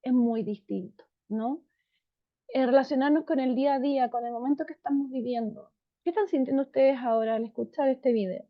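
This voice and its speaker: A high-pitched woman talks parents through an explanation, warm and unhurried, often pausing to check that they follow. Her voice comes through a dull, slightly lo-fi recording. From Chile. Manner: warm, calm, unhurried tone with frequent checking questions. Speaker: psychologist. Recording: dull lo-fi sound.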